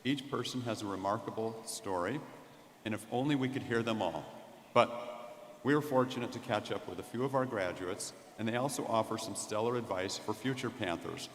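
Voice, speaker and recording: A man's voice: fairly low pitch, fairly quick, a little hiss or hum. A man giving a formal, proud commencement address as university leader. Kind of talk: formal ceremony speech. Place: large hall. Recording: echoey hall with long reverb.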